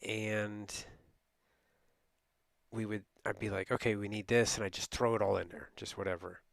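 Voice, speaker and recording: A man's voice: on the low side, fairly even intonation, measured pace, gravelly, no echo. A middle-aged man telling a rambling, casual late-night story as a streamer, often laughing and quoting people.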